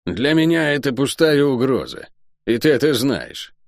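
A man's voice: mid-range voice, sing-song, moderate pace, vocal fry, dry recording, studio quality, voice pushed up. A man voicing a scornful, menacing cursed sorceress in an audiobook. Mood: mocking. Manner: mocking, sinister.

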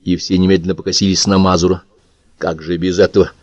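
A man narrating an audiobook in a steady storytelling manner. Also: low voice, quick pace, dry recording, muffled recording. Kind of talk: scripted narration.

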